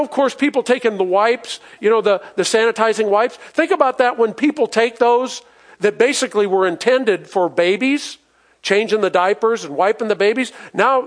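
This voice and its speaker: High-pitched preacher, chatty sermon, keeps asking the congregation stuff. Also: male voice. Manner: conversational preaching, asks the congregation questions, reads scripture aloud. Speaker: pastor. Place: church in front of a congregation.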